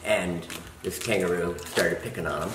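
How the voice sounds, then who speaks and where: A man's voice: low voice, fairly even intonation, moderate pace. A middle-aged man guest in a casual snack-tasting chat, dry and teasing. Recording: echoey room with music behind.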